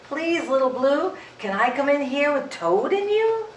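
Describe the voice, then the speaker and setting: A woman's voice: high-pitched, big pitch swings, measured pace, a little hiss or hum, pitched above the performer's own voice. A woman voicing a timid farm goat in a bedtime storybook, pleading in a raised voice. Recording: echoey room, from far off.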